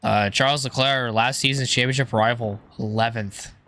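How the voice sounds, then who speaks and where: A man with a hoarse, strained voice giving casual, rambling gameplay commentary, thinking aloud in an informal way. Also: medium pitch, steady tone, normal speed, pushed and bright. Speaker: gaming YouTuber.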